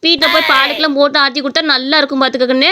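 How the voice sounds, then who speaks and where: Fast, bright-voiced woman, chatty. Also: high voice, a little hiss or hum. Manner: lively, chatty, repeats tags like "you see". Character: chatty young village wife. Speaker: storyteller voicing all roles.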